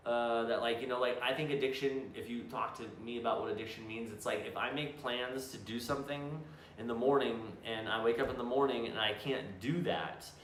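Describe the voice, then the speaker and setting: A man's voice: medium pitch, fairly even intonation, a little fast. A man in casual chat, telling stories bluntly with a lot of swearing and restarts. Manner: blunt, profane storyteller with many restarts. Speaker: co-host. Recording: roomy echo, faint background noise.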